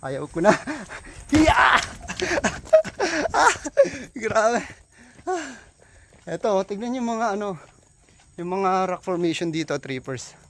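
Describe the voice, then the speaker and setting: Breathless, excitable man on a hike. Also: high-pitched, takes it slowly, long pauses. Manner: excited, exclaims often, addresses viewers as trippers. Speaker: travel vlogger. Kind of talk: casual walking travel vlog. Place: steep mountain trail outdoors. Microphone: handheld phone.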